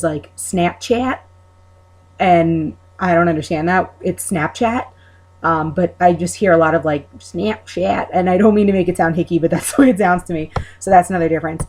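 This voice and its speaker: A video maker from Long Island, New York, USA talks about her accent in a fairly low, darkish voice at a slightly quick pace. She's casual and unsure, thinking out loud and wandering through her explanation.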